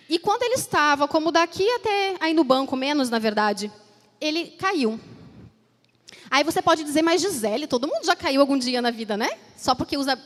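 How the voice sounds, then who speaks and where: Bahian woman preaching in echoing hall. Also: high-pitched. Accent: Brazilian Portuguese, Bahian. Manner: emotional storytelling, voices her own thoughts. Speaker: preacher giving testimony. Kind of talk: sermon testimony. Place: church or college hall. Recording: long hall reverb.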